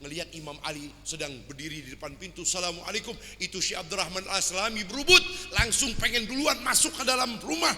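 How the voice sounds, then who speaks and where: A male preacher telling a story sermon in an animated way, speaking to his listeners as brothers, at an Islamic boarding school event. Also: high voice, fast, few pauses, slight background noise. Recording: long hall reverb.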